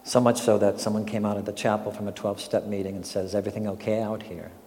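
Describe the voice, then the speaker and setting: A man's voice: lowish voice, flat delivery, fast, dark tone, long reverb tail, a little hiss or hum. An older man preaching a sermon as a pastor, telling a story and asking reflective questions.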